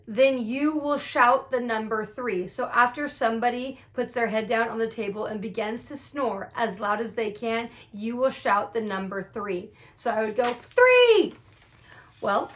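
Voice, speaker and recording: A woman's voice: fairly high pitch, fairly bright tone. A woman teacher explaining how a classroom icebreaker works, upbeat, walking through examples and acting out steps. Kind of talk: instructional explainer video.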